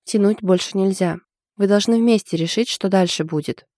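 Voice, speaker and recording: A woman's voice: mid-range voice, moderate pace, no echo, studio quality, lightly acted. Woman reading blunt, stern older sister. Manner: blunt, sharp-tongued.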